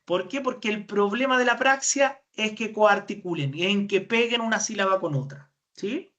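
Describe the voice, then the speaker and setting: A woman's voice: medium pitch, moderate pace, a bit bright, highs cut off. A woman with a Chilean accent giving a webinar lecture as a speech therapist, explaining step by step and answering her own questions. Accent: Chilean Spanish.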